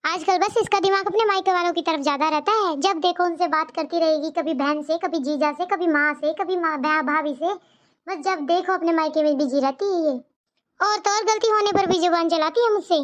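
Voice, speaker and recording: A woman voicing a stern, scolding middle-aged mother-in-law in a cartoon story, with a high, squeaky voice that sits lower than the other characters. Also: a little fast. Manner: nagging, accusing.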